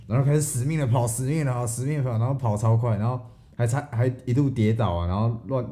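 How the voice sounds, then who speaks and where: A young man with a Taiwanese Mandarin accent, telling a story in a loose, easygoing podcast chat. His voice is mellow and relaxed, at a middle pitch. He stumbles and restarts often as he talks. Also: quick pace. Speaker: podcast co-host.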